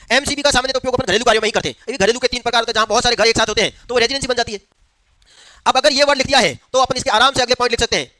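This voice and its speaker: A man's voice: very high-pitched, sharp tone, dry recording. A male teacher giving a classroom lecture, asking the class questions and answering them himself. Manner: quizzes the class, answers his own questions.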